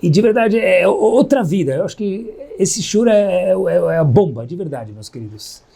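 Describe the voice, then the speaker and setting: A man's voice: high-pitched, moderate pace, husky. A man teaching a Torah class, telling stories and acting out the quoted dialogue as he goes. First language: Hebrew terms mixed in. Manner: animated storyteller, acts out quoted dialogue. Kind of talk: storytelling Torah lesson.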